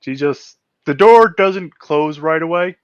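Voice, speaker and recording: A man running a tabletop game as game master, his voice sitting a little high for a man. He narrates hesitantly, often restarting and filling pauses. The recording is dry and close, with no room sound. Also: expressive, no echo.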